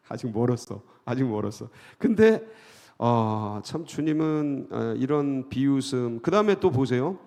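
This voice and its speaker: A male pastor preaching a dawn prayer sermon in a church, animated, dropping into low mock voices of scoffers. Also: slow. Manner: animated, acts out mocking bystanders in a low voice. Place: church sanctuary. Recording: hall reverb.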